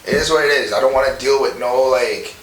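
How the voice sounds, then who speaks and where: A man's voice: medium pitch, a little fast, fairly bright tone. A man in his twenties from Montreal, talking in a rambling, profane, earnest way with many restarts. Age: 20s. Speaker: rapper guest. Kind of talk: casual monologue interview. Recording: roomy echo, distant mic, faint hiss.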